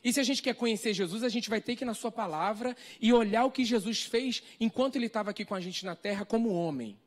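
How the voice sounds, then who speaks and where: A man's voice: high voice, fast talker. A man with a Brazilian accent preaching a sermon, earnest and full of repeated rhetorical questions. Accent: Brazilian Portuguese. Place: church hall, live stream.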